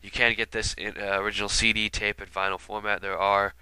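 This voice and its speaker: Brisk and flat, a lowish male voice with a pushed, bright quality comes through clean and echo-free. It's a video commentator with a stuffy nose from illness, giving a casual album retrospective and rambling with plenty of fillers and asides.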